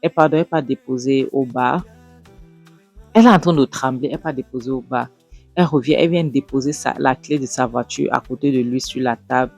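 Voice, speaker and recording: A woman hosting a show and giving a casual, halting recap of a series episode. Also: a bass voice, gravelly, a little mellow, faint music behind. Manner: halting, lots of fillers and restarts. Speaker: host.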